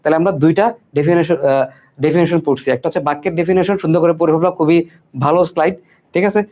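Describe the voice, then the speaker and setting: Young bangladeshi guy tutoring online, talks quick, slightly high voice, keeps repeating himself. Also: steady tone, a little mellow. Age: young adult. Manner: repetitive, reassuring, mixes English words. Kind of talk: online exam-prep lesson.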